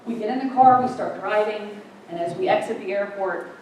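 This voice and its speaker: A woman's voice: mid-range voice, fairly quick, a little mellow, a little hiss or hum. A young woman telling an emotional personal story to a gathering, speaking earnestly and acting out the dialogue. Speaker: speaker sharing her story. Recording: echoey hall, voice from far off.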